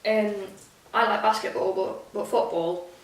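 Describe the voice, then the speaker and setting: A woman calmly explaining customs in a casual lesson chat, answering briefly with hesitant ums. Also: mid-range voice, unhurried. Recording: roomy echo, distant mic, faint hiss.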